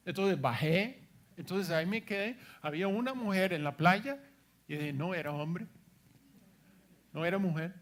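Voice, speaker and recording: High-voiced man preaching a testimony sermon. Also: lively intonation, moderate pace, pauses often. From United States. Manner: storytelling, acts out quoted dialogue, emphatic repetitions.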